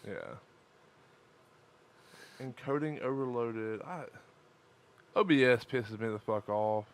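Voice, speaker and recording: A man's voice: mid-range voice, slow, slight background noise. A tired man with a lisp co-hosting a casual live-streamed podcast, joking around and swearing freely. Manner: crude, profane, joking. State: tired from lack of sleep. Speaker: podcast co-host.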